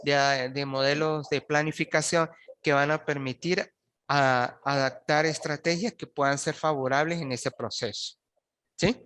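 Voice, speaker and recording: A university lecturer teaches an online postgraduate class over a video call, his voice fairly high and bright, with fairly even intonation and a measured pace. He talks with students hesitantly, restarting words and often checking in with "¿sí?".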